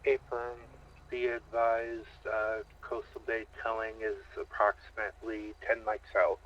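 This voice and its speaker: A man's voice: lowish voice, flat delivery, measured pace, a bit bright. A man working as a police dispatcher over a police radio, speaking in short, clipped radio codes. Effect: police radio transmission. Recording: muffled radio with faint hiss.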